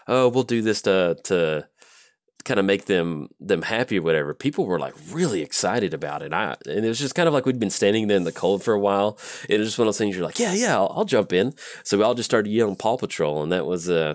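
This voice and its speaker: Man, deep low voice, dry close sound, casual rambling card game commentary. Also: dry recording. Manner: rambling, relaxed, lots of fillers. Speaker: channel host playing a card game. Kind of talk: casual gameplay commentary with chatty stories.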